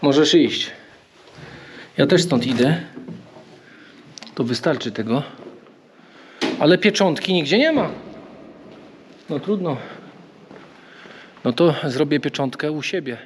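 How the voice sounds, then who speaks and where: A man's voice: on the high side, animated, takes it slowly, pauses often, background noise. A young man casually vlogging a pilgrimage walk, chatting and joking with viewers as he wanders outdoors and through a small church. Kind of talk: casual vlog talk to camera.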